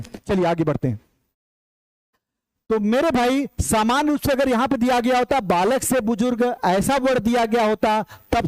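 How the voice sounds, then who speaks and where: Drilling the main points again and again, this male lecturer preps viewers for exams online and addresses them as "brothers." He speaks in a very high pitch, emphatically, on a low-quality recording with no room sound.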